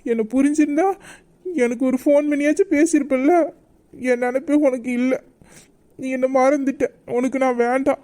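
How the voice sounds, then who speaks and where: Woman acting a hurt young man in love, sulking and reproachful, mellow dark tone, high-ish voice, romantic audio drama. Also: fairly even intonation, normal speed, close to an everyday voice. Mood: hurt, angry.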